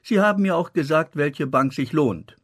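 A man's voice: a little high, normal speed, breathy edge, no room sound, voice pushed up. A reserved male guest dodges questions in a guarded way, voiced by a male narrator. The voice stays close to the narrator's own. It is a dry, close recording. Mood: confessing. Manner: guarded, evasive. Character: reserved male guest, a father searching, evasive.

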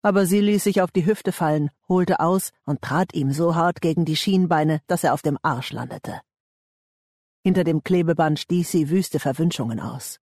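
A male narrator reads a thriller audiobook in a measured, tense way. His voice sits a little high for a man and is husky. The recording is dry and close. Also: a little mellow, no echo.

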